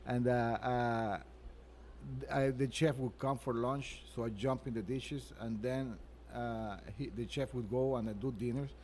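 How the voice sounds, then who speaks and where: A man from Venezuela, a chef being interviewed at his restaurant, speaking earnestly and haltingly with many restarts. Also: medium pitch, steady tone, darkish tone, a little hiss or hum. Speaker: chef and restaurant owner, guest. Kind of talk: interview answers.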